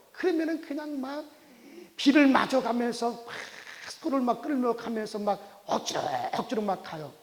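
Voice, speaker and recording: High-voiced man preaching in a reverberant church. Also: a little mellow. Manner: folksy storytelling with many rhetorical "eh?" checks. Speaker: pastor. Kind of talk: sermon with a childhood story. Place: church sanctuary. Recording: long church hall reverb.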